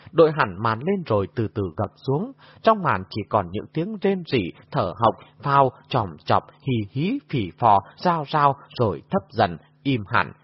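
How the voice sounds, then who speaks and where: A man's voice: mid-range voice, slightly rough. A man narrating an audiobook in a vivid storytelling way, recorded in a muffled lo-fi way.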